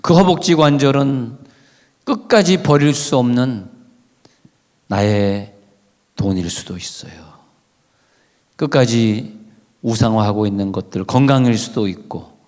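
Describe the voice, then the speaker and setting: A man's voice: medium pitch, expressive, a little slow, pauses often, a little mellow, long reverb tail. A male pastor preaching a sermon in a church sanctuary, telling stories in a chatty way and acting out the people he quotes. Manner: chatty storytelling with dramatized quotes.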